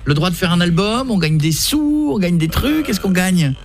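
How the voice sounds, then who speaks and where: A man hosting a radio show in a studio, joking and teasing his guests in quick banter. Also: high-pitched, expressive, a little hiss or hum. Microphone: studio microphone.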